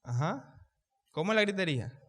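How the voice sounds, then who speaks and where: High-voiced preacher in a reverberant church. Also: male voice, animated, moderate pace, a bit bright. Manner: preaches with questions to the congregation; raises his voice to reach the room. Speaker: pastor. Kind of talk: sermon.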